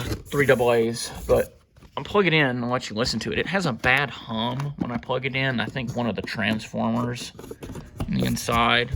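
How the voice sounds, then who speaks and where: Handling his gear in a small, cluttered room at home, a hobbyist collector presents his weather radios off the cuff. He speaks haltingly in a creaky, mid-range voice with a fairly bright tone, muttering half to himself. Faint background noise, clicks, and handling sounds fill the recording.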